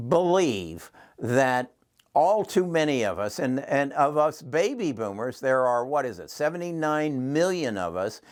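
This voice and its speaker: 77 yr old guy hosting his channel, casual advice, stumbles and repeats words, voice bounces up and down. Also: medium pitch. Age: 70s. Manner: folksy, earnest, repeats words while finding his thought. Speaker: channel host. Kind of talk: casual advice monologue to camera.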